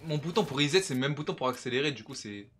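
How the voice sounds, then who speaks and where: A man streaming a video game live, commenting excitedly and calling out loudly to his viewers. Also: mid-range voice, fast, a little hiss or hum. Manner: excitable, loud outbursts to viewers.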